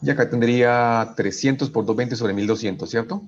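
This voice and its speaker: A man's voice: mid-range voice, normal speed, muffled recording. A man teaching an engineering class online, working through equations step by step and checking in with "right?" after each step, often restarting his sentences. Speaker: engineering professor.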